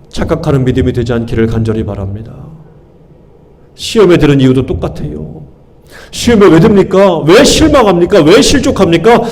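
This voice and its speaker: A male pastor preaching a sermon, firing questions at his congregation and hammering key words through repetition. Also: fairly high pitch. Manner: call-and-response questions to the congregation, emphatic repetition.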